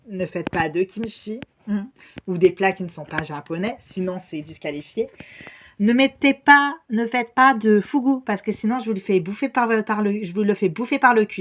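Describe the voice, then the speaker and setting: A woman's voice: medium pitch, a bit bright, highs cut off, a little hiss or hum, natural voice. A woman voicing a bossy young cooking judge who lays down rules bluntly and crudely.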